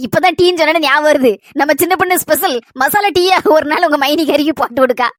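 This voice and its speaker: Village neighbor, Kanyakumari Tamil, woman voicing: high, quick, teasing. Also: no room sound, studio quality, lightly acted.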